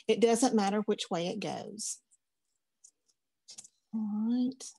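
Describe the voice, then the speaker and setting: A woman's voice: mid-range voice, takes it slowly, creaky, mellow, breathy edge, no echo. A woman, teaching a craft class in a chatty, upbeat, folksy way. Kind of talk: casual craft class instruction.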